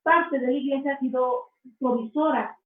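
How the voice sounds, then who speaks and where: A woman telling her faith testimony in an interview, earnest and slow, often restarting her phrases. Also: sits high, steady tone. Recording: echoey, distant, phone-like sound.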